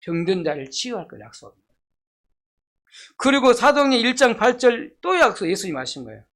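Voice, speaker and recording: Emphatic preacher swinging from loud to hushed. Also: sing-song, brisk. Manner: emphatic preaching, rhetorical questions to the congregation; swings from loud to soft and low. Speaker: pastor. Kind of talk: sermon.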